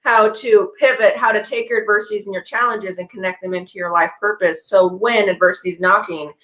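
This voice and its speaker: A woman's voice: mid-range voice, steady tone, brisk, a bit bright, poor audio. A woman being interviewed on a video call as an author and motivational speaker, speaking in an upbeat, polished way. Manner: upbeat, polished self-help phrasing. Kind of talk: casual interview chat.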